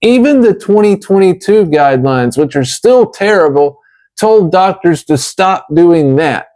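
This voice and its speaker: A man with a slight lisp, as if wearing a retainer, delivering an earnest, emphatic advocacy monologue in deliberate phrases. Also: high voice, animated, darkish tone. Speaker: chronic pain patient advocate.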